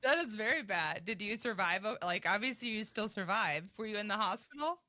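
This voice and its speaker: A woman hosting a podcast, chatting casually with a playful, giggly manner. Her voice is bright and crisp. The sound is dry and close, with no room around it. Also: mid-range voice, expressive, brisk, dry recording. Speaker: podcast host. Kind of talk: casual chat.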